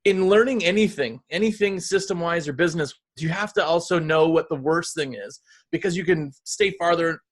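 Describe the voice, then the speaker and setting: A man with a fairly high voice hosts a relaxed podcast interview. He chats casually and builds his questions loosely, halting and circling before he gets to the point. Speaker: podcast host.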